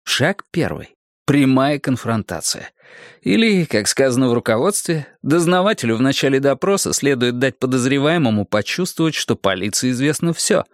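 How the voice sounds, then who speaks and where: Measured dry man narrating a story. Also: mid-range voice, very animated, dry recording. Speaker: audiobook narrator. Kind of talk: scripted narration.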